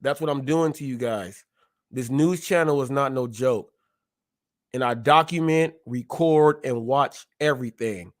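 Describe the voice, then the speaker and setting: A man's voice: mid-range voice, unhurried. A man in his forties hosting a live show who stutters, talking in a boastful, confrontational way as he calls out his critics. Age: 40s. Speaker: host. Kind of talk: ranting live-stream commentary.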